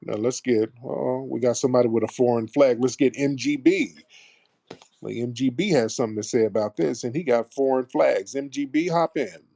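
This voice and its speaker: A man's voice: mid-range voice, normal speed, vocal fry, mellow, no echo. An American man hosting a casual call-in debate, assertive and probing as he talks. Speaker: host of a live call-in talk show.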